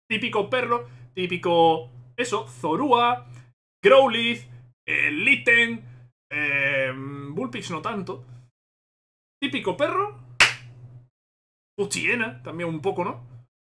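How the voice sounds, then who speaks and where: With a high-pitched voice and a Spain Spanish accent, a man excitedly responds to a game trailer, musing aloud and repeating himself as he goes.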